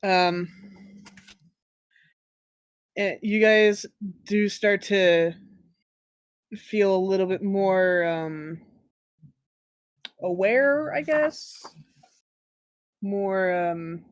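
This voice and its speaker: A game master narrates a tabletop adventure at an unhurried pace. The delivery is hesitant and improvised, with stumbles along the way, and the sound is dry. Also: medium pitch, clear, resonant tone, no echo. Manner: hesitant, stumbling over words.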